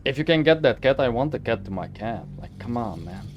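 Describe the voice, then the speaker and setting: A man's voice: medium pitch, animated, fairly quick, dull audio. A man giving casual, rambling game playthrough commentary in an informal way, often correcting himself. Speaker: gaming video host. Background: faint music.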